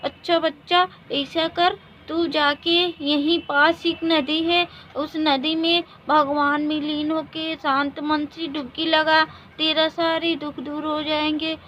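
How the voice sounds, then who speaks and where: A woman voicing a kindly old male holy man who gives slow, soothing, fatherly advice. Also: high-pitched, level tone, a bit bright, slight background noise. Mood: gentle. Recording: dull lo-fi recording.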